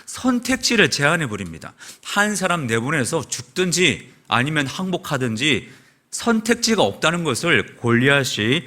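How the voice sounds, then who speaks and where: A male pastor preaching a sermon in a church, telling the story in an animated way. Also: medium pitch. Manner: animated storytelling, acts out quoted shouts. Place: church sanctuary.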